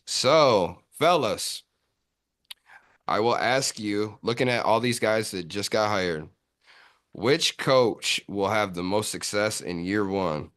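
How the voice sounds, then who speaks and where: A man hosting a casual sports podcast, talking in relaxed slangy banter and calling his friends bro. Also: fairly low pitch. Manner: laid-back slangy banter, says bro often. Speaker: podcast host.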